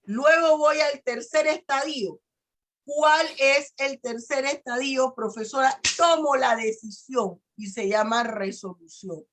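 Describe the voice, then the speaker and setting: Slow, high-voiced woman lecturing on law. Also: a bit bright. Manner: explains step by step, acting out a first-person example. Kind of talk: university lecture.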